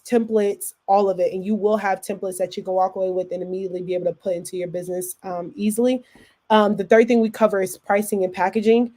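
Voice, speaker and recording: Live-stream host, woman, warm dark tone, loose and chatty with viewers. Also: medium pitch. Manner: chatty, fillers and self-corrections, reads viewer comments aloud. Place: in or near Atlanta.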